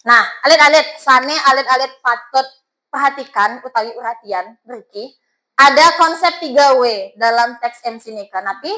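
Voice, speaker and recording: A woman's voice: high voice, moderate pace, pushed and bright, rough recording. A woman teacher with a Balinese accent, coaxing her students with questions as she teaches a class.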